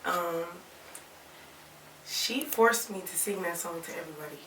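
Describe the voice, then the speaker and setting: A young woman talks in a relaxed, rambling way, with plenty of "like" and "you know". Her voice sits low but sounds bright. The room is echoey, and she is heard from some distance off the mic. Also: measured pace, a little hiss or hum. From Alabama, raised in Toledo, Ohio. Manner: relaxed, rambling, many "like" fillers. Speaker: rapper and singer, interview guest. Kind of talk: casual interview chat.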